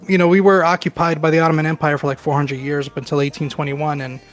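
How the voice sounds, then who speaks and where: A man's voice: on the high side, flat delivery, fast, faint music behind. A man around forty, chatting casually as a guest and telling his life story in a rambling, self-deprecating way with many fillers. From Queens, New York. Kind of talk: casual chat.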